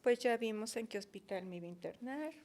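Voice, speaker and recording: Gravelly-voiced woman telling her story. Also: on the high side, animated, fast, darkish tone. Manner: emotional, storytelling, reenacting her own pleas. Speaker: guest. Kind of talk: personal testimony in a podcast interview.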